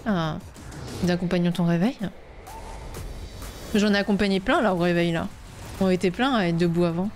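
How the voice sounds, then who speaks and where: A woman's voice: on the low side, darkish tone. A woman chatting casually as a live streamer, informal and sweary in her reactions.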